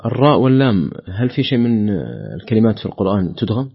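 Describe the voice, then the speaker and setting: A man hosting a call-in show, his voice very deep and husky. He speaks very fast in short questions and acknowledgements. The audio is muffled and lo-fi. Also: very animated. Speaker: host.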